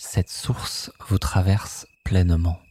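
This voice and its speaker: Very slow, low, soothing sleep hypnosis voice. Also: flat delivery, breathy edge. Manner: soothing, hushed, with phrases echoed softly. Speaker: sleep meditation guide. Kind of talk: guided sleep hypnosis narration.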